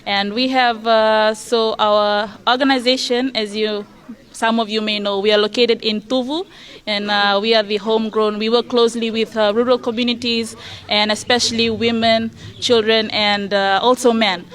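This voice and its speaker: A woman's voice: fairly high pitch, little pitch movement, normal speed, fairly bright tone. A woman with a Fijian accent, introducing herself to a group as a representative of an organization. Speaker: representative of a rural development organization.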